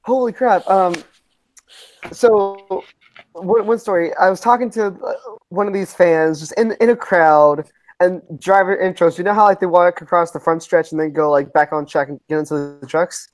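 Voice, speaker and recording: A man's voice: high-pitched, moderate pace, no room sound, rough recording. A young man co-hosting a podcast, telling stories in a rambling way with many restarts. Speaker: podcast co-host. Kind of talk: casual chat.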